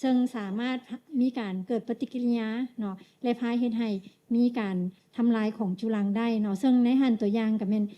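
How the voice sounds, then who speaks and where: A woman with a Lao accent interpreting a medical lecture, measured, pausing often and ending phrases with tag particles. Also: fairly high pitch, steady tone, muffled recording.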